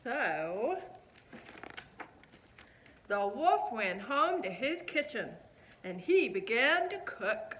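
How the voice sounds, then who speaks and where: A woman hosting a children's puppet storytime, narrating with expressive, emphatic delivery. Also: fairly high pitch, extremely slow, long pauses, poor audio.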